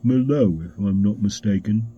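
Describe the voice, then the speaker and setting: A man's voice: lowish voice, normal speed, dark tone, muffled recording, a little hiss or hum, close to an everyday voice. A man voicing a dry, unimpressed detective's helper. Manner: dry, matter-of-fact.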